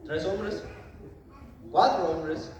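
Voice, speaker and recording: Conversational preacher in an echoey church hall. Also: male voice, high-pitched, drawn-out words, a little mellow, muffled recording. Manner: conversational, acts out the king's lines, tag questions. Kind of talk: informal Bible lesson to a congregation. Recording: echoey hall, voice from far off, background noise.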